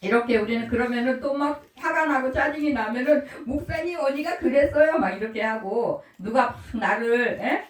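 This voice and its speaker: A woman's voice: on the high side, moderate pace, few pauses. Woman preaching, echoey from afar. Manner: homely, quizzes the congregation, call-and-response. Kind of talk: sermon. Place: church service room. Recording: roomy echo, mic from far off.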